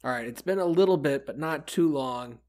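A man's voice: fairly high pitch, brisk, a little mellow. A man hosting a sports podcast in a casual, conversational way. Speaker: podcast host.

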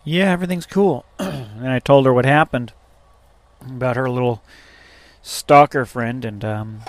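A man rambles through a personal story, swearing freely and tripping over fillers and restarts. His pitch sits in the usual middle range, and the sound is close and dry with no room echo. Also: fairly even intonation, unhurried. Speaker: truck driver. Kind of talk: casual storytelling vlog.

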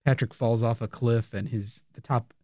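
A man's voice: mid-range voice, steady tone, normal speed, a little mellow, no room sound, studio quality. An American man co-hosting a comedy podcast with casual, wordy banter.

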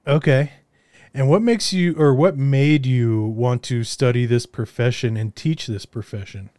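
A man's voice: medium pitch, a little slow, a little mellow, no echo, studio quality. A man hosting a casual interview, hesitant and hedging his words. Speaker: podcast host interviewer.

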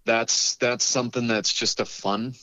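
A man's voice: mid-range voice, steady tone, unhurried, pushed and bright, no echo. A man talking casually as a musician guest in an interview, telling stories in a rambling way and acting out quoted dialogue.

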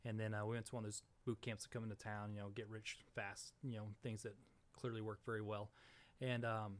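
A fast-talking man in his thirties from Springfield, Missouri, USA, with a lowish voice and little pitch movement. He's a real estate investor appearing as a podcast guest, chatting casually in an interview with dry, sarcastic humor and lots of fillers.

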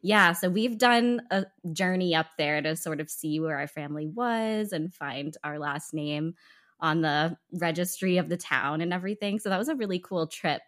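A woman's voice: on the low side, moderate pace, a bit bright. A young woman co-hosting a pop culture and law podcast, chatting in a bubbly way and laughing often. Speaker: podcast co-host, attorney. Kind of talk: casual chat.

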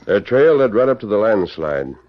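The Lone Ranger, deep commanding masked Western hero. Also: male voice, sing-song. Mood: firm, commanding. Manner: measured, formal, authoritative. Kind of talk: old-time Western radio drama acting. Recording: dull, band-limited old radio recording.

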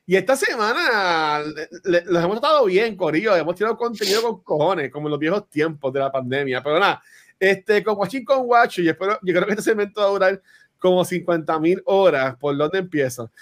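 A man hosts a casual podcast chat in a Puerto Rican Spanish accent. His voice sits high for a man. He rambles excitedly and fills his pauses as he goes. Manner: excitable, rambling with many fillers. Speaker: podcast host.

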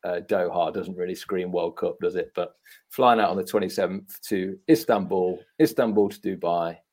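A man's voice: deep voice, steady tone, normal speed, darkish tone. A man from Leicester with a Leicester accent, chatting casually about football as a podcast panellist. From Leicester, England.

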